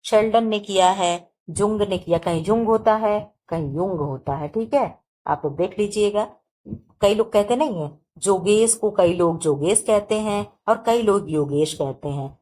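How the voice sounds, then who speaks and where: Lowish-voiced woman teacher running a quiz. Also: a little mellow. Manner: reads options slowly, repeats "ठीक है" often. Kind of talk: exam-prep lesson reading quiz questions. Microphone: phone recording, voice-over of book photos.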